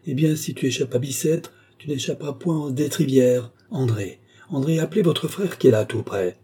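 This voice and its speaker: A man's voice: on the low side, brisk, slightly rough. A man voicing a furious, blustering old aristocratic baron in an audiobook reading. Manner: shouting, blustering.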